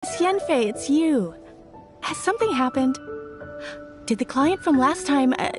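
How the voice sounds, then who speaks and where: A woman's voice: sits high, lively intonation, measured pace, music in the background. An actress voicing a friendly, helpful young woman broker in a video game.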